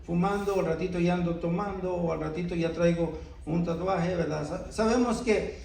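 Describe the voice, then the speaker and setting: High-voiced preacher in an echoey church. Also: male voice, normal speed, creaky, darkish tone, distant mic. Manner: earnest, many rhetorical "¿verdad?" asides. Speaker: pastor. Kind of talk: sermon. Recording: echoey church hall, voice from off-mic.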